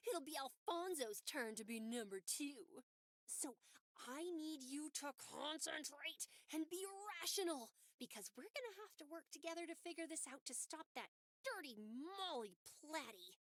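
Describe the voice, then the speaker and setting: A woman's voice: high-pitched, lively intonation, moderate pace, fairly bright tone, no room sound, studio quality. A woman playing a feisty, earnest young female cat sidekick in a cartoon noir game, emphatic and dramatic. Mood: urgent, pleading.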